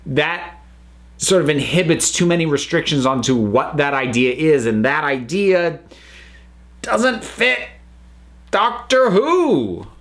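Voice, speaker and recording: An American man reviews audio dramas on his own channel, rambling casually and constantly restarting and correcting himself. His voice is a little high and a bit bright, slow-paced, with big swings in pitch.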